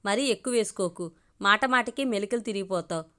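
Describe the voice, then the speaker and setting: A woman's voice: mid-range voice, fairly quick, sharp tone, clear, resonant tone, lightly acted. A woman voicing a playful, smitten young man in a spoken audio story, coaxing and light. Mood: teasing.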